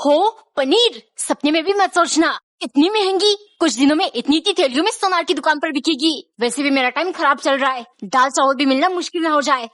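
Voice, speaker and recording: A woman's voice: sits high, a little fast, few pauses, a bit bright, dry recording, clean studio sound. A woman voicing a stingy husband who dismissively grumbles about money. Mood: grumbling.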